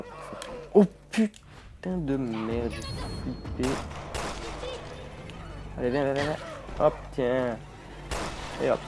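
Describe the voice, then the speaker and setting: A young man talks through a horror game, jumpy and quick to swear. His voice is low and mellow. Faint noise sits under the commentary. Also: vocal fry. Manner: jumpy, swearing, talking to viewers. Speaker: gamer. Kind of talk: let's play commentary.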